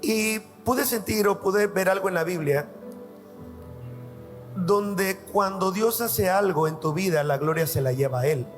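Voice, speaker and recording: A man's voice: high-pitched, a little slow, faint music behind. A man, a pastor preaching a sermon and telling personal stories in an earnest way. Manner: earnest storytelling, addresses listeners as "amado".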